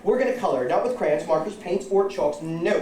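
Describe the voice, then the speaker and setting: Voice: mid-range voice, expressive, fairly quick, a crowd in the background. A children's party magician performing live patter for kids, playful and theatrical, with exaggerated exclamations and teasing asides. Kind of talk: live kids' magic show patter with audience call-and-response. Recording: distant, echoey, very noisy live room recording.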